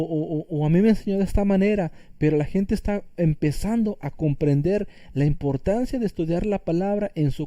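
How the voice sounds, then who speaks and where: A man teaching scripture in an earnest, explanatory sermon style, circling back on his phrases to stress them. His voice is very dark and mellow, sitting a bit higher than most men's. The sound is close and dry. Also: no echo. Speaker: teacher of Torah portion.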